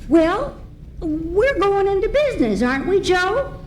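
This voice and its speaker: A woman's voice: very high voice, big pitch swings, measured pace, a little mellow, heavily acted. A woman playing an eager, wholesome young orphan girl in an old-time radio serial, earnest and folksy. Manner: folksy, earnest, chipper exclamations. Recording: faint background noise, live event.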